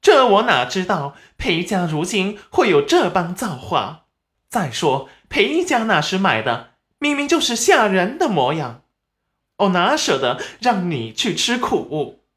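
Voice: mid-range voice, very animated, a little slow. A narrator voicing a greedy, scheming middle-aged peasant mother in an audiobook, in a raised, eager voice.

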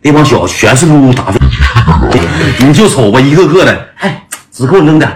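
A man's voice: mid-range voice, lively intonation, moderate pace, background noise. A man telling a story to his listeners in a blunt, slangy way, laughing as he goes. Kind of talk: casual storytelling to an audience. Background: music.

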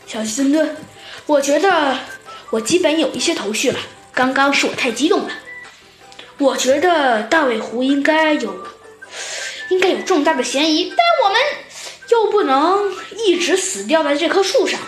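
Figure: a woman doing a calm, kindly monkey police chief. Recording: echoey, faint music. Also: high-pitched, moderate pace. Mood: calm, reasoning. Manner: gentle, patient.

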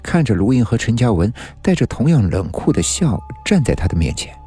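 A man's voice: medium pitch, big pitch swings, brisk, mellow, breathy edge. A man narrating a suspenseful story in a tense storytelling manner. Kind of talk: dramatic story reading. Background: faint music.

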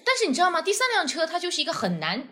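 A woman podcast host telling a story in casual chat, animated and laughing often. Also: extremely high pitch, racing.

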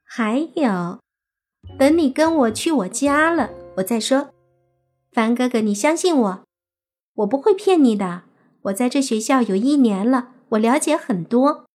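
A woman's voice: on the high side, lively intonation, a little slow, darkish tone, soft background music. A woman voicing a playful teenage girl fox spirit in an audiobook, whining and wheedling sweetly. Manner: whiny wheedling, cute pleading. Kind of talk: audiobook character acting.

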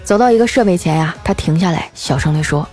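A woman hosting a podcast, telling funny everyday stories in a lively, chatty way with drawn-out filler sounds. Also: fairly low pitch, husky. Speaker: podcast host. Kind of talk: scripted comedic storytelling. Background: faint background music.

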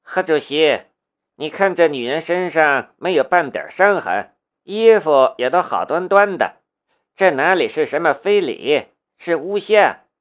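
A man voicing a bold young woman who fires back sharp, taunting retorts. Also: on the high side, very animated, a little slow. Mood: mocking. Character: bold tall young woman, quick-tongued and defiant.

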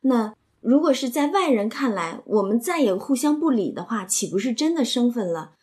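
A woman voicing a young nobleman who pleads and coaxes his upset cousin, in her own husky voice. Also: fairly high pitch, lively intonation, normal speed, darkish tone, close to an everyday voice. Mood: coaxing. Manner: pleading, coaxing.

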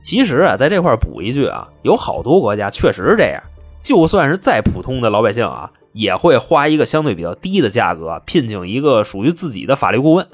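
A man's voice: mid-range voice, sing-song, fairly quick, husky, soft background music. A man telling a comic crime story in a chatty, punchy, colloquial way.

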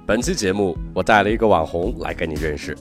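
A man hosting a podcast lesson on English pronunciation, chatting casually in Mandarin and slowing right down to model English sentences. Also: low-pitched, expressive, loud music behind the voice. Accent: American-style English.

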